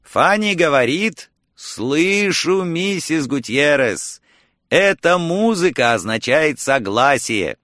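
A man voicing a loud, cheerful older Spanish-speaking landlady who shouts across a courtyard. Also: a little high, sing-song, takes it slowly, no room sound, clean studio sound, voice pushed up, exaggerated voice. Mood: shouting cheerfully.

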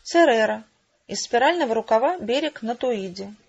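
A woman voicing a cool-headed undercover man with a wry manner, husky on a dull lo-fi recording. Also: a little high, moderate pace. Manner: calm, wry. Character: cool-headed male undercover agent with a pipe.

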